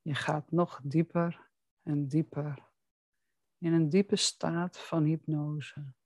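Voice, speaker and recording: A hypnosis guide speaks very slowly and soothingly, as if right in your ear. The sound is dry and close to the microphone. Each instruction is placed deliberately, in an intimate relaxation style at a middle pitch. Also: flat delivery, a little mellow, dry recording.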